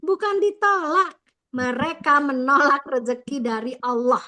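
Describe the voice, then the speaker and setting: A woman trainer leads an online sales coaching session with a high voice. Her tone is bright and ringing. She talks with lively energy, heaping praise on her team as she coaches. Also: a little slow.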